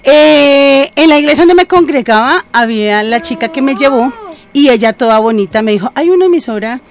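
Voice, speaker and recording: An older Colombian woman with a Colombian accent, a radio listener telling her story in a lively, animated way. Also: sits high, normal speed. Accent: Colombian Spanish. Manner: animated testimony. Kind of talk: casual on-air chat.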